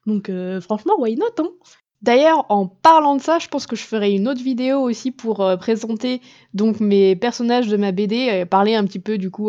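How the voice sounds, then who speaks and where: A woman's voice: medium pitch, mellow, dull audio. A woman vlogging casually to her viewer, rambling and jokey with lots of fillers and self-corrections. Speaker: YouTuber and comic artist. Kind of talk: casual vlog addressed to the viewer.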